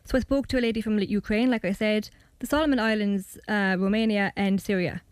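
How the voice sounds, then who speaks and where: A student documentary maker from Ireland, a young woman in her twenties, talks casually as a radio guest and narrates her own documentary. Her medium-pitched voice is smooth, steady and brisk, with no echo. She chats freely, hedging with fillers.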